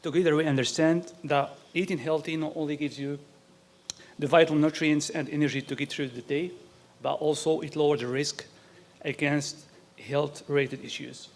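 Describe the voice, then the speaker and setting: Guy from morocco doing a pitch on stage, gravelly creaky voice, some uhs. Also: steady tone, normal speed. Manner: plain, with uh fillers. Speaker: pitch presenter.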